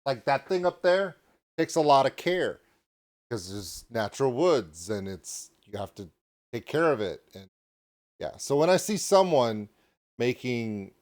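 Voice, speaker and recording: A man hosting a reaction video, talking in a rambling, excitable way and joking at his own expense. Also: on the low side. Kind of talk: reaction commentary.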